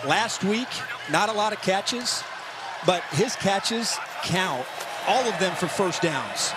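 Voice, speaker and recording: A man's voice: high-pitched, lively intonation, takes it slowly. A man gives live football analysis as the color commentator in a broadcast booth. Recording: loud stadium noise behind. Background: stadium crowd and ambience.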